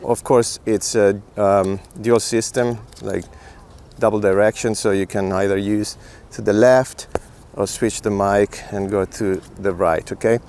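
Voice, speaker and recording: A man hosts a laid-back film gear review, chatting informally and straight to his viewers. His voice sits on the low side with fairly even intonation, a touch slow and mellow, and there's slight background noise.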